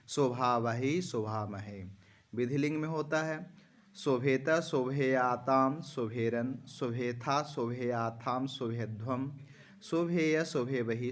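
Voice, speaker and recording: A man teaching Sanskrit grammar, slowly reciting verb forms one after another and speaking directly to his students. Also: medium pitch. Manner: slow, measured recitation of lists, addressing students directly. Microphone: phone screen recording.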